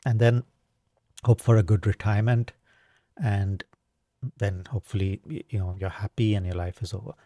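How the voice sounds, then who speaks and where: Low, mellow-voiced man musing aloud. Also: fairly even intonation, moderate pace, long pauses, dry recording, clean studio sound. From India. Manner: casual, thoughtful, many fillers and tag questions. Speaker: podcast host. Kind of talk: reflective solo talk.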